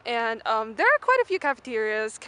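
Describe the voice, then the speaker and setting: A young Malaysian woman, a student vlogger, gives an unscripted walking tour, mostly outdoors on a university campus, rambling informally with plenty of fillers. Her slightly high voice is very animated, brisk, bright, forceful, clear and resonant. The handheld outdoor camera audio is noisy.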